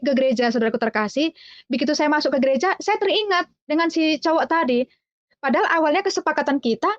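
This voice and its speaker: A woman's voice: high-pitched, dry recording, dull audio. A woman from Java telling her personal faith testimony in a chatty way, speaking to listeners as dear brothers and sisters and acting out the voices of the people in her story. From Java, Indonesia. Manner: acts out quoted voices, sings hymn lines slowly.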